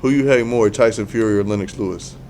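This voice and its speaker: A man co-hosting a casual podcast chat, rambling, restarting his sentences and dropping into low mumbles. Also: fast talker, a little mellow, slight background noise. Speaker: podcast co-host.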